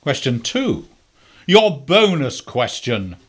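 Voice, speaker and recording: Guy doing a pompous evil sheriff for panto style radio, menacing, slow, very up and down. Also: mid-range voice, big pitch swings, a bit bright, breathy edge, full character voice. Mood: menacing, gloating. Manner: theatrical, pompous, deliberate. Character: pompous menacing villain, the male Sheriff of Nottingham. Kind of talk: amateur pantomime-like radio play acting.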